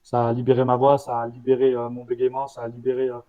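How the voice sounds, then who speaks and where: A man with a slight leftover stutter, a startup founder answering interview questions in a halting way, with many restarts. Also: mid-range voice, completely flat delivery, narrow, tinny audio. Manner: halting, with restarts and repeated words.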